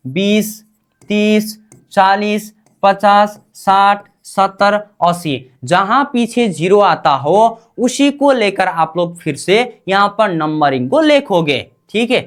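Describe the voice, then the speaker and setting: Woman teacher drilling a class, slow and patient, keeps asking "what?". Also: medium pitch. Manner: drills by repeated call-and-response questions. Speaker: language teacher. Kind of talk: classroom language lesson.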